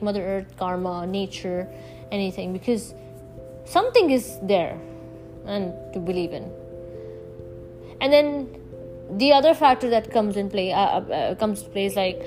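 A woman speaking as a podcast host in a reflective solo monologue, halting and searching for words, then stressing key words. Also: mid-range voice, poor audio. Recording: music bed behind the voice. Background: music.

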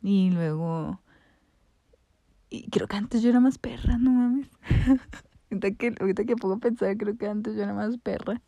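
A woman's voice: medium pitch, normal speed, gravelly, long pauses, warm tone, dry recording. A young woman with a Mexican accent, telling a casual, slangy story about her school days and swearing freely. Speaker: vlogger.

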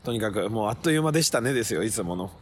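A comedian talks casually in a park at night, with a rough, loose manner. His pitch swings widely, and he jumps into loud, high impressions of other people. A faint outdoor hiss sits behind him. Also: lively intonation, very fast. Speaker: comedian podcast host. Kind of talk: casual chat recorded outdoors.

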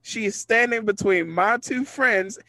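A man's voice: high voice, a little slow, pushed and bright, dry recording. A man telling a funny personal story in casual chat, often laughing as he talks.

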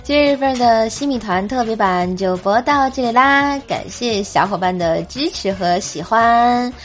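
A woman's voice: a little high, lively intonation, unhurried. Playful woman telling jokes over music. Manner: playful, often breaks into laughter. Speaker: podcast host. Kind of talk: comedic joke storytelling. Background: background music.

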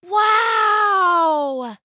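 A clever young female rabbit from a storybook, her voice pitched very high and squeaky, as a woman reading aloud puts her on. She sounds bright and eager, with quick, lively leaps in her tone. The sound is dry and close. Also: dry recording, heavily acted. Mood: excited. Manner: squeaky, excited and pleading.

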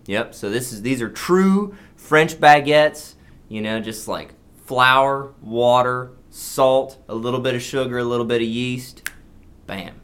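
A man's voice: mid-range voice, unhurried, a bit bright, clean tone. Chatty laughing man co-hosting a podcast. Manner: chatty, laughs easily, muses aloud while eating. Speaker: podcast co-host. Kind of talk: casual chat.

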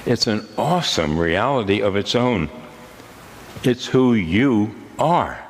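A man in his eighties, a priest, delivering a sermon in a measured, solemn way with deliberate pauses. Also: lowish voice, animated, long reverb tail, a little hiss or hum. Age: 80s.

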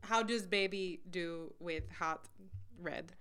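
A woman's voice: lowish voice, slow pace, fairly bright tone, smooth. A woman co-hosting a podcast, teasing and playful in casual chat. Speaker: podcast co-host.

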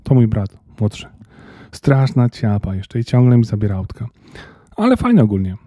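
A man's voice: lowish voice, big pitch swings, moderate pace, warm tone, dry recording, studio quality. A man voicing a young boy stuck in a hospital bed, earnest and plain. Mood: sad.

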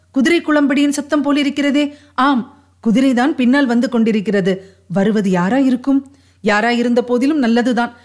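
Woman reading a historical tale aloud. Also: on the high side. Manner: steady, expressive reading. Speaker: audiobook narrator. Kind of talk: storybook narration of a historical novel.

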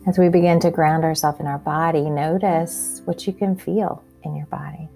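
A woman hosting a podcast leads a calm grounding exercise in a gentle, unhurried, instructional manner. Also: deep voice, vocal fry, faint music behind. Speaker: podcast host and mindfulness guide.

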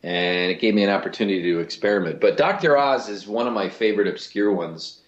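A man's voice: on the low side, fast talker. A man from Cleveland, a voice actor, talking animatedly as an interview guest, often restarting his sentences. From Cleveland, USA. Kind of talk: casual interview talk. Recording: roomy lo-fi recording.

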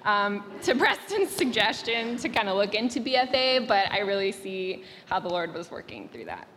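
A woman's voice: medium pitch, big pitch swings, normal speed, fairly bright tone. A woman speaking as a missionary, sharing a sincere and reflective testimony. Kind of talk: personal testimony. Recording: echoey hall with faint noise.

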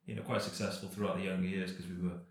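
Deep flat-voiced man in an echoey room. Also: racing. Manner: relaxed, rambling, many fillers and restarts. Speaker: professional cyclist guest. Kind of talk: casual interview chat.

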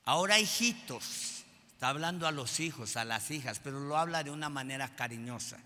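A man preaching a sermon as pastor, swinging between fervent shouted peaks and quieter conversational asides. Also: medium pitch, animated, a little fast. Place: church hall. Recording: reverberant church hall.

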